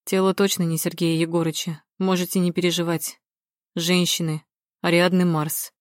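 A woman's voice: fairly low pitch, level tone, normal speed, dry recording, studio quality, natural voice. A woman voicing a tired, curt young male police lieutenant who speaks in an official, weary tone.

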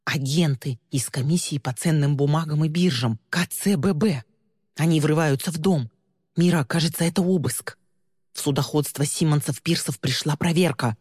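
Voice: mid-range voice, moderate pace, darkish tone, husky, dry recording, studio quality, in a large hall, lightly acted. An audiobook reader voicing a level-headed teenage girl who grumbles but speaks firmly to her cousin. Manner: grumbling, firm.

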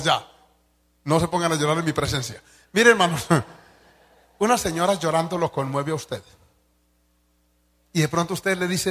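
Husky preaching man in a reverberant hall. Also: fairly high pitch, fairly bright tone. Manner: reads each point slowly, then explains it emphatically and addresses listeners directly; acts out quoted dialogue from counseling cases. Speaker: pastor. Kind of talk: sermon teaching fellow pastors.

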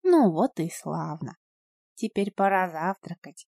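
Lady doing a sweet old granny, soft tender voice, mellow, storybook. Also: fairly low pitch, lively intonation, measured pace, creaky, dry recording, studio quality, heavily acted. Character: gentle loving old grandmother.

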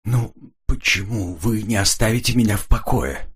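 A man's voice: moderate pace, husky. A man doing a panicky frightened woman. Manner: shrill, panicky, breathless. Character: frightened nervous young woman. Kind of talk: audiobook character reading.

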